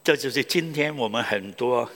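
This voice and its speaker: A male pastor preaching a sermon, telling stories with loud exclamations and hushed asides. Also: mid-range voice, moderate pace, big-room sound. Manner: animated storytelling, swings between loud exclamations and hushed asides.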